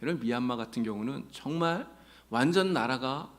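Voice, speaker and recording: A male pastor gives an earnest sermon to his congregation in a church sanctuary, weaving folksy jokes into his teaching. He sounds animated and brisk, with a medium-pitched voice.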